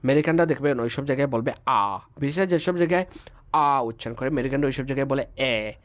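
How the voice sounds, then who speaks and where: In a class lecture on English pronunciation, a man with a medium-pitched voice patiently and slowly repeats example words and checks that his students are following. The sound quality is lo-fi.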